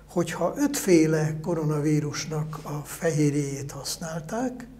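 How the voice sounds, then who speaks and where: An older man answering interview questions as a virologist, in a measured, explanatory way with pauses to find his words. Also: high-pitched, warm tone. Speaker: virologist guest.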